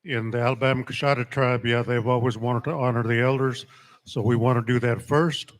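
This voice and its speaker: A man speaks as a powwow emcee in a medium-pitched voice. He announces honorees and calls people forward. His delivery is ceremonial and deliberate, with pauses between phrases. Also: fairly even intonation.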